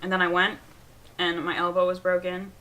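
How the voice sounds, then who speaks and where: A young woman recounts childhood mishaps beside her sister in a relaxed, chatty way. Her voice is bright, and she sprinkles "like" everywhere, laughing through the telling. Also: fairly low pitch, normal speed. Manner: lively, lots of "like", laughing through stories. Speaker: co-host, sister. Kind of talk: casual storytelling chat.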